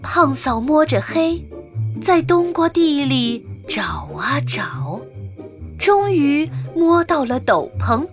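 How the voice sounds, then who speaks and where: A woman tells a children's story in a high, gently lilting voice, taking her time with each phrase. Children's music plays softly under her. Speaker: narrator.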